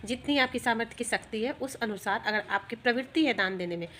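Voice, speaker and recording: A woman's voice: fairly high pitch, quick pace, fairly bright tone, a little hiss or hum. A woman giving a spiritual talk, explaining earnestly and rambling into a story. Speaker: spiritual speaker.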